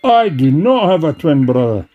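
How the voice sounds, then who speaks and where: A man's voice: a little high, big pitch swings, moderate pace, muffled recording, faint music behind. A man voicing an earnest male teammate in a fan-made cartoon, explaining plainly and taking charge.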